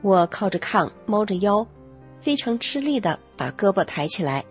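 A woman narrating a first-person story in a steady, earnest reading voice with a husky tone. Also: mid-range voice, normal speed, soft background music.

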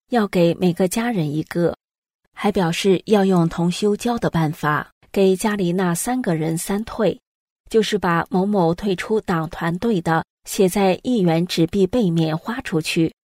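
A woman reading scripted news stories aloud in an even storytelling delivery. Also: fairly low pitch, no echo, clean studio sound. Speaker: news reader.

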